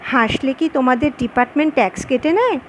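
A woman reading the lines of an earnest grown man in love who is quick to anger, in her own high voice. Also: lively intonation, a little hiss or hum, poor audio.

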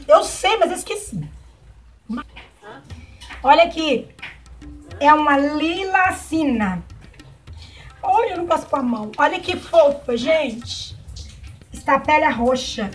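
A Brazilian woman showing off plants she received, gushing with excited exclamations as she talks casually to her viewers. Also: high-pitched. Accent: Brazilian Portuguese. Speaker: plant vlogger. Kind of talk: casual unboxing chat.

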